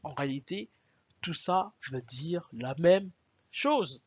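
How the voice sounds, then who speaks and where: Male religious teacher with a raspy, somewhat high voice, emphatic and questioning; dry, muffled recording. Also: lively intonation, slow pace, no room sound. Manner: emphatic, repeats points, asks the audience rhetorical questions. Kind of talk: explanatory video lecture.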